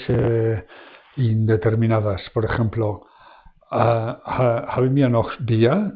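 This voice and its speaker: A German language teacher gives a casual online lesson, explaining grammar in a relaxed, chatty way packed with fillers. His mid-range voice is soft and mellow, and he slows down considerably when reading each German example aloud.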